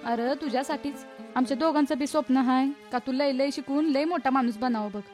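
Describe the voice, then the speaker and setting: A woman's voice: high-pitched, brisk, darkish tone, faint music behind, close to an everyday voice. An actress playing a worried poor village mother, nagging and anxious. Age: middle-aged.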